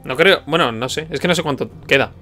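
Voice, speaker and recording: A man with a Spanish accent from Spain giving casual gameplay commentary as a let's player, excitable with animated exclamations. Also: a little high, fast talker, soft background music. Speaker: let's play streamer.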